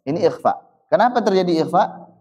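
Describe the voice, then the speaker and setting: A man teaching Quran recitation rules, asking himself questions and answering them, and stretching out the Arabic examples slowly. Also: sits high, expressive, darkish tone, breathy edge. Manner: asks and answers his own questions. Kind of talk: tajwid lesson.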